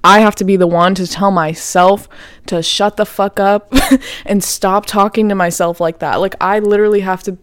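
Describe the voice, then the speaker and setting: A young woman talks through her solo podcast in a loose, candid way, swearing freely and filling every pause with "like". Her voice is smooth and clear at an ordinary pitch. The sound is dry and close, with no room around it. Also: steady tone, no room sound. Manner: chatty, profane, says "like" a lot, laughs often. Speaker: podcast host. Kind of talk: casual solo podcast talk.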